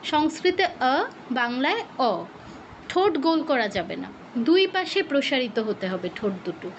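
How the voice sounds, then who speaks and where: A woman teaching pronunciation in an online class, demonstrating each sound slowly, syllable by syllable, over a video call. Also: sits high, lively intonation, a little hiss or hum. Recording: dull lo-fi video call audio.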